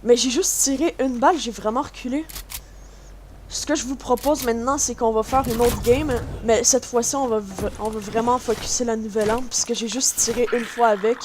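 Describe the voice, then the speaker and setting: A woman with a Quebec French accent giving chatty, excitable commentary on her gameplay to her viewers. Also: a little high, normal speed. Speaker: gaming YouTuber. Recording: noisy home recording.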